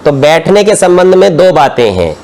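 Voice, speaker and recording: A man with a slightly raised voice teaches a scripture study class. He goes through each term slowly and patiently and explains it with everyday examples. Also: fairly high pitch, very animated, a little mellow. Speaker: religious teacher. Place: outdoor courtyard class.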